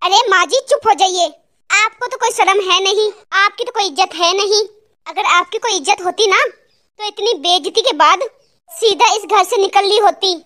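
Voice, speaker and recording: A bossy angry cartoon husband. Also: male voice, very high voice, moderate pace. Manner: harsh, domineering, shouting orders. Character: angry young husband throwing out his mother-in-law. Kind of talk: animated cartoon drama dub.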